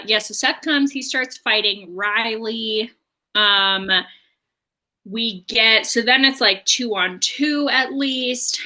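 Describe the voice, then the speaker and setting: A woman co-host recaps a book for her podcast, chatty and loose, filling pauses with "um" and "like." Her voice is bright and forward, at a medium pitch. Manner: chatty recap with fillers and laughs. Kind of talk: casual book discussion.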